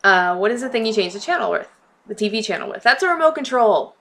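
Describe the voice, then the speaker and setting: A woman's voice: mid-range voice, expressive, fast talker, fairly bright tone. A woman with a Northeastern American accent leaning slightly New York and New Jersey, chatting casually and playfully through a list of questions. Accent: US Northeast, slight New York-New Jersey tilt. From United States. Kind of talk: casual question-and-answer reading prompts aloud.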